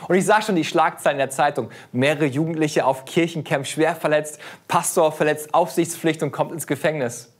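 A pastor in his thirties preaching a sermon in an earnest, expressive way, his voice rising and dropping widely in pitch and loudness. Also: moderate pace, few pauses.

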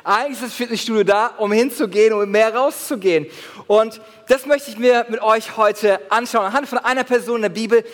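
High-voiced preaching man, reverberant hall. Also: brisk. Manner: animated preaching with acted-out gym anecdotes. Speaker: pastor. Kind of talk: sermon.

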